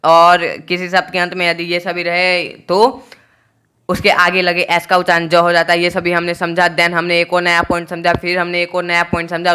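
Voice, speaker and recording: A man teaching a pronunciation lesson, spelling out letters slowly and repeating each point. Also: sits high, bright, forceful tone, clear, resonant tone.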